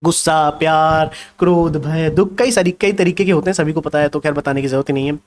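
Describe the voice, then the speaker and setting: High-voiced lively male teacher. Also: a little fast. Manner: lively, teasing, mixes Hindi with English terms, asks students questions. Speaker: exam-prep teacher. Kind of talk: online revision class. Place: indoors with a laptop.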